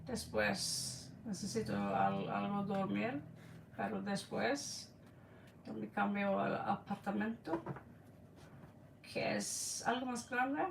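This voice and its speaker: A slightly tired woman giving an informal card reading in halting, Spanish, searching for words. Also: mid-range voice, vocal fry. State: a little tired. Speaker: tarot card reader. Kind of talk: casual, informal one-on-one reading. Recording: distant mic with faint background noise.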